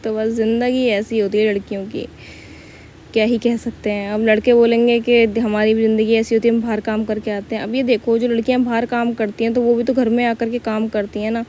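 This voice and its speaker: A young woman chats through her household day in a relaxed, homely voice-over that is loose and full of fillers. Her voice sits a little high, with a soft, mellow tone. Faint noise hums behind her. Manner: chatty, homely, with many fillers. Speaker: vlogger. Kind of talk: casual vlog voice-over narration.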